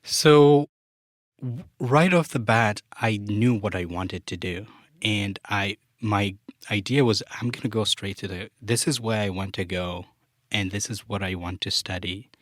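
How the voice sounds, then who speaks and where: Chatting as a guest on a podcast, a young Luganda-speaking man from Uganda who works in software development sounds relaxed, leaning on fillers such as "like" and "you know." His voice is on the low side and a bit slow, recorded dry at studio quality.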